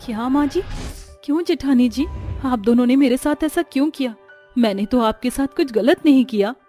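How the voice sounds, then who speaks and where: A woman's voice: sits high, normal speed, mellow, soft background music, natural voice. A woman voicing a meek, simple young bride who pleads humbly with her mother-in-law. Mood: hurt. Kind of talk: dubbed cartoon story voice.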